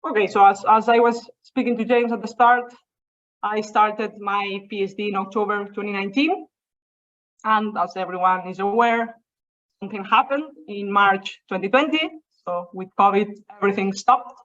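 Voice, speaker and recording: Speaking at a normal speed in a steady, mid-range voice with a slightly bright edge, a young woman from Spain gives a relaxed, story-driven seminar talk. She has a Spanish accent, and her video call audio comes through muffled.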